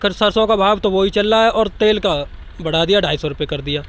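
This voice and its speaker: A man answers a reporter with open indignation. He talks fast, and his voice sits high. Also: a bit bright. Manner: indignant, emphatic. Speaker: interviewee.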